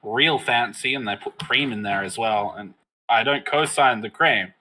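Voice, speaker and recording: A man's voice: mid-range voice, normal speed, bright, forceful tone, slight background noise, rough recording. A man co-hosting a casual chat show, rambling with lots of fillers and laughing often. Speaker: co-host.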